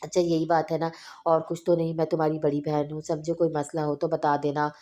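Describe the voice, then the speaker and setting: Female reader voicing a protective, affectionate older sister, flat and low. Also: fairly quick, lightly acted. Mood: tender. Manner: warm, reassuring, protective. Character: caring elder sister-in-law, young woman, affectionate.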